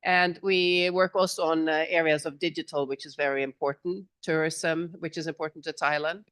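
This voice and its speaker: This is a middle-aged woman with a low voice, talking into a handheld mic at a conference. She sounds relaxed and chatty, with little laughs and restarts, and the sound is dry and close. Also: normal speed, clean tone, no room sound. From Norway. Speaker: business association representative and panelist. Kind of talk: informal panel talk at a conference. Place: conference hall, on stage. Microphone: handheld microphone.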